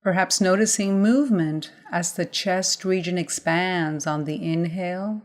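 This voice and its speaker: At a very slow pace, a woman whose voice is a little low for a woman guides a mindfulness body scan. She speaks gentle instructions in measured phrases and leaves pauses between them.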